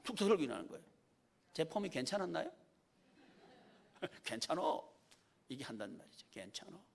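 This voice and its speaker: A male pastor delivers a Sunday sermon in a church, his fairly high voice leaping wildly up and down. He keeps throwing rhetorical questions at the congregation and coaxing amens. He drops from loud calls to hushed, almost whispered lines. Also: sing-song, a little fast, creaky, slightly rough. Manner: rhetorical questions and prompts for amen. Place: church sanctuary.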